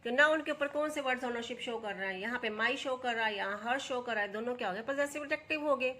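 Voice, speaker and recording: Bright-voiced Indian woman teaching grammar. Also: fairly high pitch. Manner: asks and answers her own questions, reads English examples slowly. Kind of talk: explaining English grammar step by step.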